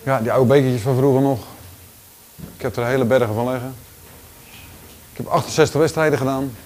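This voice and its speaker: A man in his forties with a Rotterdam Dutch accent, giving a relaxed walking tour of his large indoor gym, talking casually with lots of fillers and restarts. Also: medium pitch, brisk, a little hiss or hum. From Netherlands. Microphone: handheld camera following him.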